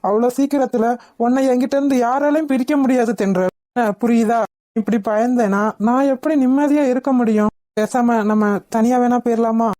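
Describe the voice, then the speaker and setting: A woman voicing a calm young husband in a cartoon, soothing and patient. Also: on the high side, a little fast, no room sound, clean studio sound, lightly acted. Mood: comforting. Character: calm young husband Ashwin, gentle and reassuring. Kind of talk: Tamil cartoon voice acting.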